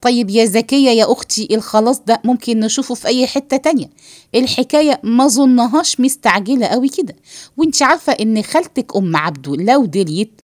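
A woman voicing a nervous man with an Egyptian accent in a read-aloud play, pleading and hushing. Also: a little high, animated, fast talker, no echo, studio quality, lightly acted. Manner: pleading, hushed. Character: nervous man trying to hush others.

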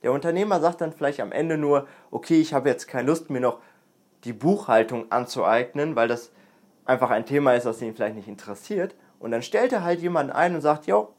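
A man's voice: mid-range voice, brisk, a little mellow. A young man hosting a podcast, talking in a casual, earnest monologue and repeating words for emphasis. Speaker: podcast host. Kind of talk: casual self-improvement monologue.

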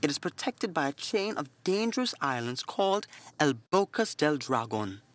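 A man voicing a calm, devout middle-aged nun who speaks with gentle, motherly earnestness. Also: fairly high pitch, normal speed. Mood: earnest.

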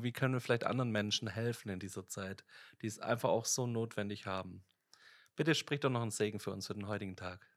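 Friendly male church podcast host. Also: medium pitch. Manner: friendly, conversational.

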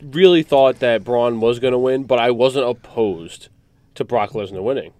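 Male panelist, medium pitch, casual sports chat, close dry sound. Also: normal speed, darkish tone, dry recording. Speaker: podcast panelist.

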